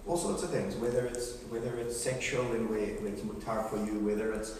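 A man's voice: fairly low pitch, darkish tone. A man in a study class thinking aloud, stopping and restarting often as he works out a question. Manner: halting, restarts often while working out a thought. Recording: distant, echoey room with background noise.

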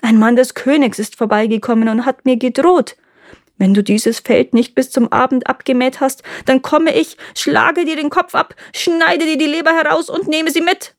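Brief: a cowardly glutton of a farmer who whines and pleads, voiced up high, dry close sound, as a woman reader plays him. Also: fairly quick, few pauses, a little mellow, no room sound, close to an everyday voice. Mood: frightened. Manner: whining, pleading. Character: lazy, greedy peasant husband, whiny and cowardly.

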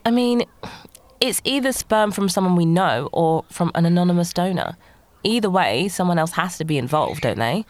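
An actress playing a flustered, defensive, sharp-tongued woman who hopes to start a family, in an audio drama. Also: lowish voice, animated, moderate pace, lightly acted. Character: queer woman planning a baby, flustered, defensive. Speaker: actor.

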